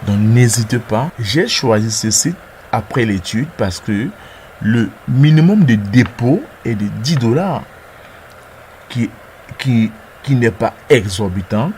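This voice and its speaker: A man's voice: medium pitch, darkish tone, slight background noise. A man narrating a screen-recorded tutorial as its presenter, talking through each step hesitantly and repeating words as he clicks.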